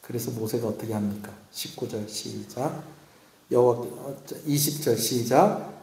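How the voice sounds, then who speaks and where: A man's voice: mid-range voice, a little slow, vocal fry, mellow. A male pastor preaching at a Friday prayer meeting in a church sanctuary. He keeps asking the congregation questions and then answers them himself. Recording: echoey church room.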